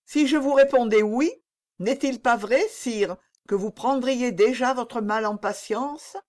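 A woman reading the part of a young princess who speaks with soft, sad firmness in an audiobook. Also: fairly high pitch, a little slow, voice pushed up, natural voice. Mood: melancholy. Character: young melancholy princess, gentle and firm.

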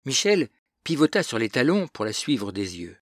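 Husky, dry-voiced male audiobook narrator. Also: mid-range voice, sing-song, normal speed, a bit bright, no room sound. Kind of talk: scripted narration of a novel.

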